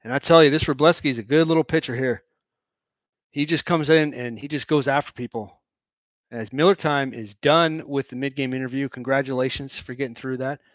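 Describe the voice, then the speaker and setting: Brief: irreverent man doing excitable fan play-by-play, dull lo-fi sound. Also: mid-range voice, dry recording. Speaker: host of a fan watch-along broadcast. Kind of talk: joking play-by-play commentary.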